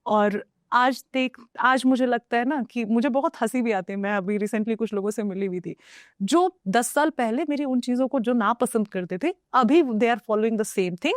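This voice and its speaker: A woman's voice: fairly high pitch, measured pace, no room sound, clean studio sound. A young woman from Uttar Pradesh, India, speaking as a guest in a casual conversation. She is reflective and moves between Hindi and English as she talks.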